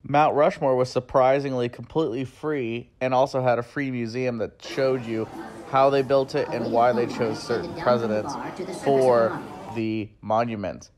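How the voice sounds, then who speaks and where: With a crowd and wind in the background, a young travel vlogger films himself outdoors on windy open land, phone held at arm's length. His mid-range voice has fairly even intonation at normal speed as he narrates his road trip in a casual, enthusiastic, easygoing way, with voice-over.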